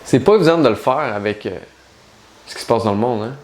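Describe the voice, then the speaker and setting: A man's voice: mid-range voice, expressive, fast, a little mellow, slight background noise. A man, a life coach and spiritual guide, speaking in a casual direct-to-camera monologue, talking straight to the listener and asking many rhetorical questions.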